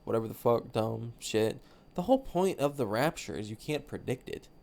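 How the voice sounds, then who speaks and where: A man with a stuffy nose hosts a podcast alone, drifting from thought to thought in loose, casual talk. He swears freely and keeps an easygoing tone, his voice sitting at an ordinary pitch for a man. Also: animated, normal speed, gravelly, heavy background noise. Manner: rambling, profane, laid-back. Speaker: podcast host. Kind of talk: solo casual chat.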